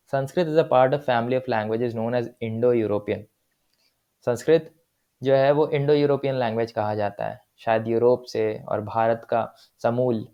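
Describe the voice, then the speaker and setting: Patient male teacher, mellow voice. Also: mid-range voice, dull audio. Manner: patient, checks in often with the listener. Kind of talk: explanatory lesson, mixing Hindi and English.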